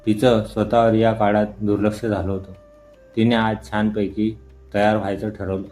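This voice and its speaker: Give me a calm man narrating a story in a low, monotone voice. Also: normal speed. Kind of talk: scripted narration. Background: soft music.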